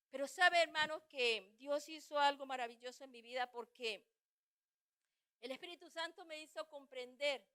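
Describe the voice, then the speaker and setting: Fervent high-voiced woman giving testimony. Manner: fervent, pleading, swings from hushed to loud. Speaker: church member giving testimony. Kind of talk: testimony sermon.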